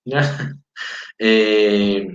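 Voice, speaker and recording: Drawing out his words in a fairly low voice, a Chilean man gives a relaxed language lesson, checking on listeners and reading their greetings aloud. Fillers and repeated "¿ya?" checks fill his talk; he's an adult whose daughter is four. Audio comes across dull, roomy and far away, with lo-fi quality.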